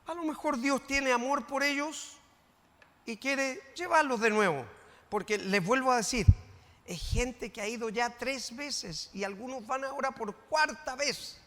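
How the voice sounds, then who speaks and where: An older man with a Chilean accent preaching a sermon in church, swinging from quiet teaching to shouted emphasis. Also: extremely high pitch, measured pace, in a large hall. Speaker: pastor. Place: church sanctuary.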